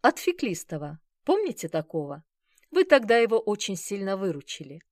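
A woman's voice: mid-range voice, very animated, normal speed, a little mellow, no room sound, clean studio sound, close to an everyday voice. Woman reading as a courteous grateful man. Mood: earnest. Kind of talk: audiobook reading.

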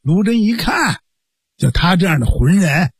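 A man narrating a traditional story in a lively, expressive way. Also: measured pace, slightly rough, no echo, studio quality. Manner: lively, expressive, leaping pitch.

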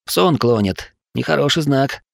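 Male reader voicing urgent adult male companions, gravelly, dry; audiobook. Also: medium pitch, lively intonation, moderate pace, no echo, pitched above the performer's own voice. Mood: tense.

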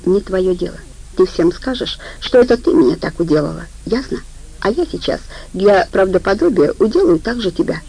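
Scheming, curt young woman, read by a woman narrator; gravelly low-lit tone. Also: lively intonation, moderate pace, dark tone, exaggerated voice, low-quality recording. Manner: harsh, bossy, curt.

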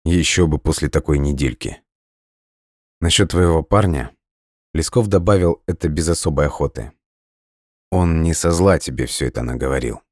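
A calm, direct young man, read by a male narrator. His measured speech sits in a very deep voice, recorded close and dry. He talks steadily and plainly. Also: no echo. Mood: reassuring.

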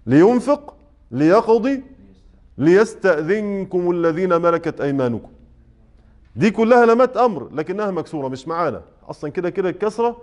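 A man with an Egyptian Arabic accent teaches a tajweed lesson to a mosque study circle. He explains point by point, checks in with the class, and chants the quoted verses slowly. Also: sits high, darkish tone. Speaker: Quran recitation teacher.

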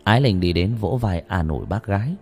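A man narrating a ghost story in a dramatic, expressive storytelling manner. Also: low voice, fairly quick, vocal fry, breathy edge, faint music behind.

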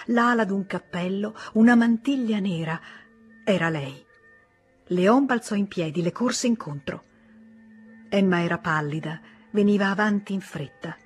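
A woman reading a classic novel aloud in a measured, expressive audiobook narration. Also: mid-range voice. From Italy. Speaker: audiobook reader. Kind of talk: literary narration.

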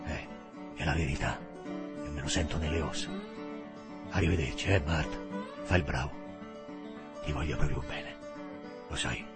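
A man voicing a drunk, tearful male laundry worker who pleads with slurred warmth, heard in an audiobook reading. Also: rumbling low, normal speed, pauses often, loud music behind the voice, pitched below the performer's own voice. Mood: tender, sad.

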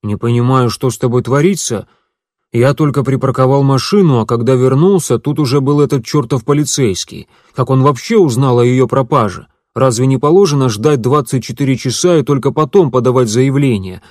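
A man voicing an angry, crude male accomplice who curses and shouts accusations. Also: mid-range voice, fairly quick, no room sound, studio quality, close to an everyday voice. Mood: grumbling. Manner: loud, cursing, accusing.

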